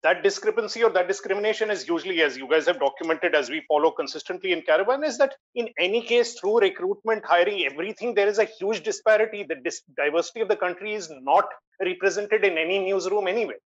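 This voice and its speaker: A man's voice: sits high, fast talker, hardly any pauses. An Indian-accented man speaking emphatically as a guest in an earnest panel discussion, repeating phrases for stress. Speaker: magazine editor, guest. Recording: dull, lo-fi voice link.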